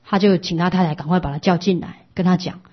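A woman's voice: lowish voice, fairly even intonation, quick pace. A woman giving a Buddhist dharma talk, explaining patiently and asking rhetorical questions. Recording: dull lo-fi recording.

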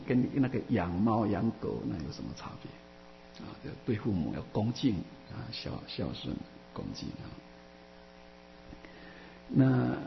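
A man gives a Buddhist Dharma talk in a gravelly, fry-tinged voice, often stopping to restart his sentences and stretching out his fillers. His voice carries a long hall reverb. The recording is dull and muffled, with a faint hum underneath. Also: lowish voice. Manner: halting, many restarts and drawn-out fillers. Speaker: Buddhist teacher answering questions.

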